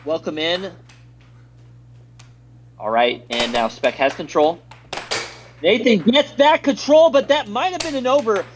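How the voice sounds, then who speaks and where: A man's voice: high-pitched, expressive, a little slow, long pauses, noisy background. An American man doing live play-by-play commentary on a stream, reading viewer chat aloud between plays in an upbeat way.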